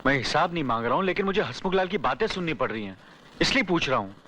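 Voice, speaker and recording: Exasperated husband. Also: male voice, fairly high pitch, very animated, fast talker, bright, forceful tone, a little hiss or hum. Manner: exasperated, placating. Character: harried husband and tenant.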